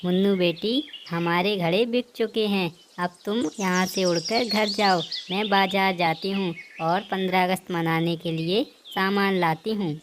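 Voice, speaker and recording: A woman's voice: mid-range voice, steady tone, a little slow, hardly any pauses, background noise, close to an everyday voice. A woman voicing a caring, hardworking mother sparrow in a cartoon. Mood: gentle.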